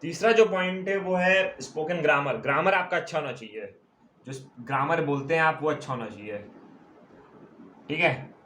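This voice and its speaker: Man teaching a lecture, slightly higher voice. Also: pushed and bright, a little hiss or hum. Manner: repeats key terms slowly, checks in with "ठीक है". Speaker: commerce teacher. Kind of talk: classroom lecture.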